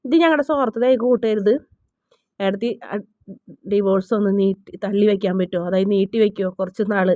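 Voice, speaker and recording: Woman playing an earnest, hesitant young brother-in-law, fast and dry. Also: mid-range voice, fairly even intonation, warm tone, no room sound, lightly acted. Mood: pleading.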